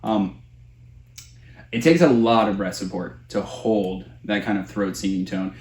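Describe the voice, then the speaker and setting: Low-voiced man coaching in a roomy space. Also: steady tone, measured pace, a little mellow. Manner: casual, explanatory. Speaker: vocal coach. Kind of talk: instructional tutorial with vocal demonstrations. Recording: roomy echo.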